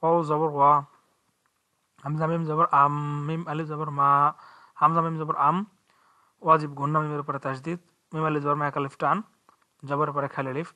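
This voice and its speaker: Male recitation teacher, Bangladeshi Bengali accent, level flat delivery, slightly higher voice, spells out letters methodically. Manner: spells each letter and vowel, then recites the verse slowly. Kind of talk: slow spelled-out recitation lesson.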